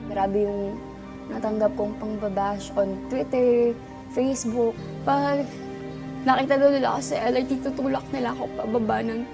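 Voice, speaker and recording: Young woman telling her story. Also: high-pitched. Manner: candid storytelling, acting out quotes. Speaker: testimony speaker. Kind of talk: recorded personal testimony. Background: music.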